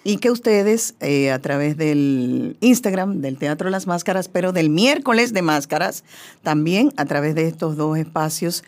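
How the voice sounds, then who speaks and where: A woman's voice: deep voice, measured pace. A woman, a theater director chatting as a guest on a radio show. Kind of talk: casual chat. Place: radio studio.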